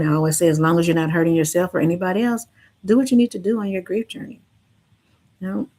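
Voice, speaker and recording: A woman speaking gently and earnestly in a heartfelt livestream talk, reassuring listeners like a counselor. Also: fairly low pitch. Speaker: grief counselor and livestream host.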